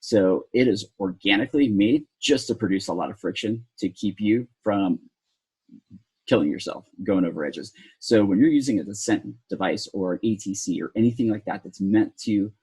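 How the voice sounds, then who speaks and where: A man's voice: on the low side, normal speed, darkish tone, husky, poor audio. A man teaching a rope rescue lesson, walking step by step through force calculations with the odd sarcastic aside. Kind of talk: technical lesson at a whiteboard.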